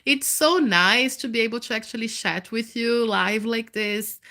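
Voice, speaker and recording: Woman, thirties, nasal from congestion, candid chatty live update, bright voice. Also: fairly high pitch, unhurried. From Canada. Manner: candid, chatty, greets viewers. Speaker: vlogger.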